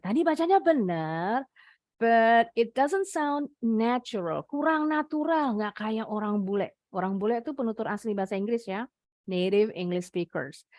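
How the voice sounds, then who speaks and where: A woman's voice: medium pitch, no room sound. A young woman teaching English online with an Indonesian accent, explaining patiently in a mix of Indonesian and English over a video call. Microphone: computer mic on a video call.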